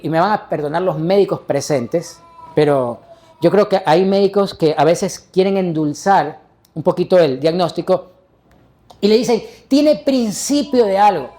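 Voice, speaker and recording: A man's voice: sits high, darkish tone. A male pastor delivering a sermon, preaching emphatically and putting rhetorical questions to the congregation.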